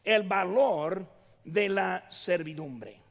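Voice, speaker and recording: A man's voice: high-pitched, extremely slow, in a large hall. A middle-aged man preaching a sermon as pastor, emphatic and often speaking straight to the congregation. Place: church sanctuary.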